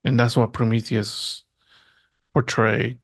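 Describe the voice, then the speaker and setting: A man in casual chat about movies, speaking slowly and hunting for the right words. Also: medium pitch, flat delivery, vocal fry, no room sound. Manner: slow and searching, hunts for words.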